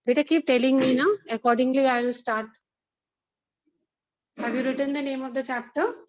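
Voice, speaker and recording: A woman's voice: high-pitched, steady tone, moderate pace, no echo, rough recording. A woman with an Indian accent, a school teacher instructing an online class, repeating herself and checking in with questions.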